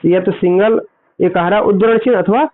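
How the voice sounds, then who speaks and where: High-voiced man teaching grammar, tinny. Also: moderate pace. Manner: explanatory, repeats points and asks then answers quiz questions. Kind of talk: exam-prep grammar lesson. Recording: tinny phone-like audio.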